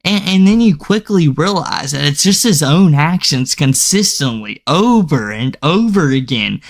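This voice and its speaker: A man's voice: a little high, animated, unhurried. A young man giving casual reaction commentary to his viewers, talking loosely with frequent stammered restarts. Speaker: commentary YouTuber.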